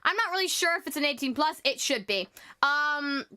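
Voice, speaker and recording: A woman streamer chatting casually, rambling and stuttering nervously through an animated rant. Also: sits high, normal speed.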